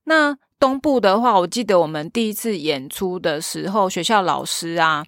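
Brief: Taiwanese-accented woman, troupe leader, gravelly fry in her voice, lively anecdote-teller, dry close mic. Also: lowish voice, moderate pace, no room sound. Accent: Taiwanese Mandarin. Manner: chatty, animated retelling with quoted dialogue. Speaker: guest, leader of a children's theater troupe. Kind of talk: casual interview talk, storytelling.

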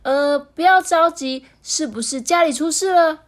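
A woman voicing a kind woman doctor in a children's storybook, speaking slowly and encouragingly. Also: sits high, voice pushed up. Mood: reassuring. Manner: reassuring, slow, encouraging.

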